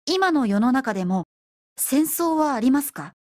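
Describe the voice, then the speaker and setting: A woman's voice: high voice, animated, unhurried, darkish tone, no room sound, clean studio sound. A woman voicing a curious man from the past, asking eager and polite questions in an audiobook reading. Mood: wondering.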